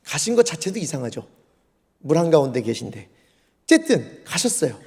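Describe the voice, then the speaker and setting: A man's voice: fairly high pitch, moderate pace, creaky, husky. A male pastor preaching a sermon in a church, telling the story vividly and acting out the scenes. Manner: lively storytelling, acts out scenes. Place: church sanctuary. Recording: long church hall reverb.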